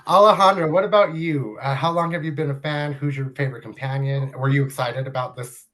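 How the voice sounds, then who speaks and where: A man hosting a casual livestream, relaxed and putting questions to his guests. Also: mid-range voice, a little fast. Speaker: host.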